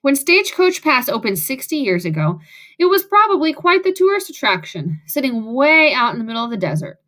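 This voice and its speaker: A woman's voice: sits high, sing-song, fairly quick, bright, forceful tone. A woman reading a first-person audiobook in a wry, sarcastic way. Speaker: audiobook narrator.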